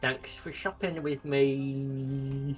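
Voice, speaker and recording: A woman's voice: rumbling low, little pitch movement, drawn-out words, soft background music, heavily acted. A woman voicing a chatty old male shopkeeper with false teeth and a lisp, rambling through his sales patter.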